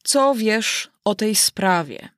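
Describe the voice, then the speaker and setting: A woman's voice: medium pitch, animated, takes it slowly, a bit bright, dry recording, clean studio sound, pitched above the performer's own voice. Woman putting on a pompous old king.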